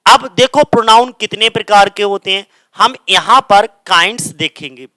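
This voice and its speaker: A man's voice: sits high, normal speed, bright, forceful tone, dry recording. A male teacher giving a grammar lesson, who keeps asking questions and answering them himself and repeats the key words. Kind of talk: grammar lesson explaining in Hindi.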